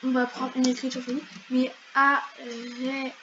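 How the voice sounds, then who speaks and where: A woman's voice: high voice, monotone, measured pace, sharp tone, a little hiss or hum. A woman chatting casually over her gameplay as a YouTuber, in a slangy way full of fillers. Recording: slightly dull lo-fi mic.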